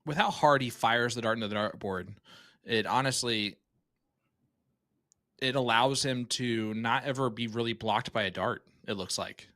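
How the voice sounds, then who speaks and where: A man's voice: mid-range voice, moderate pace, bright, forceful tone, no room sound, studio quality. A man giving live darts commentary with joking banter.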